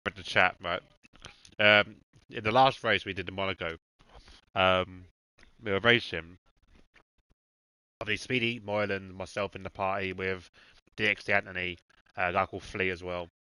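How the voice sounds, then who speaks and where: A man's voice: sits low, fairly even intonation, moderate pace, pauses often, pushed and bright, clear, resonant tone, no echo, poor audio. A man streaming a racing game, chatting casually and swearing freely while he eats. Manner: laid-back, swears freely, talks to his dog and chat.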